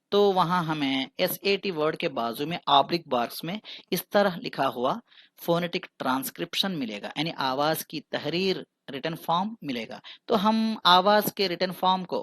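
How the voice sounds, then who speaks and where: A man teaching English pronunciation who asks the listener questions, answers them himself, and drills each word slowly by repeating it. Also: a little high, fairly bright tone, no echo. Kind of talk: recorded pronunciation lesson.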